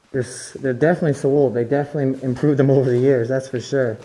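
Filming with a handheld camera inside a huge abandoned resort, a young man chats casually, speculating about the former use of every room and getting easily impressed. He talks fairly quickly in a steady, mellow, medium-pitched voice over a rough recording.

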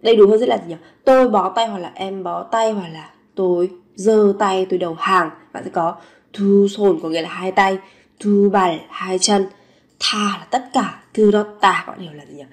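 Woman teacher with a Vietnamese accent, mid-pitched, repeating phrases slowly and expressively for learners. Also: fairly even intonation. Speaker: Korean language teacher. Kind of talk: language lesson.

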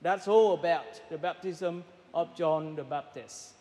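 High, slow-voiced priest in cathedral echo. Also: male voice, mellow. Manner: measured, pausing delivery with frequent hesitations. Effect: cathedral-like church echo. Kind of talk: gospel reading and homily at Mass. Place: large church. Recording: long reverberant church hall.

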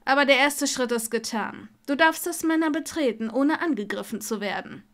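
A woman voicing an arrogant young wizard man in an audiobook, with a hushed, drawling manner. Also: sits high, moderate pace. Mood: impatient. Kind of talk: audiobook character voice.

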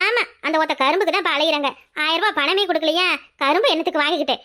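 Woman doing a scolding village wife, grumbly, shrill, rushed, tirunelveli tamil accent. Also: bright, forceful tone. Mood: grumbling. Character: shrill village wife, fretful and sharp-tongued. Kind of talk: cartoon voice acting.

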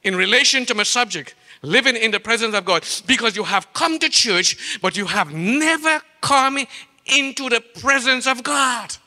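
High, bright Trinidadian preacher in a reverberant church. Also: male voice. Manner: rhetorical questions, emphatic drawn-out phrases. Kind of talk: sermon. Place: church sanctuary. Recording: long church-hall reverb.

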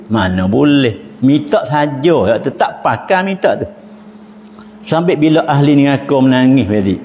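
A man with a Pattani Malay accent, an Islamic teacher giving a lively religious lecture, asking rhetorical questions and chuckling often. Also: mid-range voice, normal speed, lo-fi sound. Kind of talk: religious lecture in local dialect. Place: mosque. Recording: long reverb of mosque hall, faint noise.

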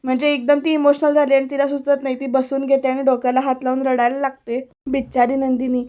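A woman's voice: sits high, fairly quick. A woman retelling a TV serial episode as a voice-over, quoting the characters and speaking to her viewers. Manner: animated retelling, quotes the characters' lines and addresses viewers directly. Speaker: serial recap narrator.

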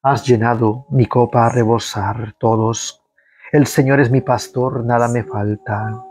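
A man leading listeners through a recited rosary, reading psalms in a slow, measured devotional way and guiding the responses. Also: mid-range voice, a little mellow. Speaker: prayer leader.

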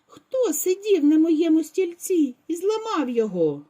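A woman voicing a small boy bear cub in a squeaky, shrill voice while reading a storybook to children. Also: sing-song, a little slow, mellow, full character voice. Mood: whiny.

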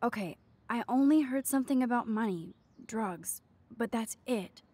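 A woman's voice: fairly high pitch, lively intonation, normal speed, warm tone, slightly rough, no echo. An American actress playing an earnest, awkward teenage schoolgirl in a video game, hesitant and sincere. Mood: uneasy. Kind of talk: video game drama acting.

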